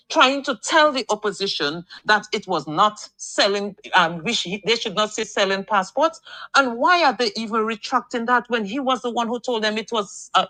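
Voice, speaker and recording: A woman's voice: a little high, bright, forceful tone, no echo. Impassioned woman's voice message. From Dominica. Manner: impassioned, repeats words when searching. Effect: recorded voice message played on air. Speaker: caller sending a voice note. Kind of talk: political call-in complaint.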